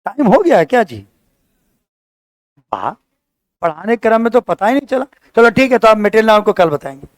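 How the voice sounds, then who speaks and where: A man's voice: high voice, big pitch swings, brisk, dry recording. A male teacher tells a story and keeps asking his class questions.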